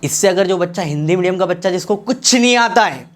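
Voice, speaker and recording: A man's voice: sits high, animated, fairly quick. Indian guy teaching english grammar, says every sentence a few times, asks questions n answers them himself. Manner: drills sentences by repeating each one several times. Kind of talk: classroom grammar lesson.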